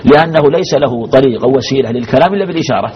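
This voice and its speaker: A man's voice: medium pitch, expressive, rapid-fire. A man teaching a religious law lesson as a sheikh, asking his class questions and repeating the key phrases. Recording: dull lo-fi recording with faint noise.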